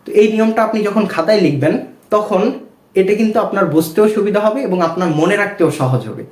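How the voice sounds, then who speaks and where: A man teaching a spoken reading lesson, slow and patient, often asking the viewer questions and answering them himself. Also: high voice, animated, a little mellow. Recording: echoey room.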